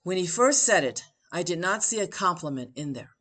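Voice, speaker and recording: Her voice is notably low, animated and a bit bright as she reads aloud a personal essay she wrote. An author and podcast host, she moves at a deliberate, measured pace, pausing between phrases to stress her points.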